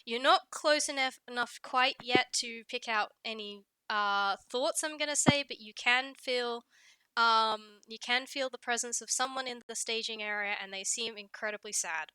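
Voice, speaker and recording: A woman game master with a bright, very clear voice, pitched a little high. She improvises scene narration for her players conversationally, in a dry, close-sounding recording. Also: normal speed, no room sound.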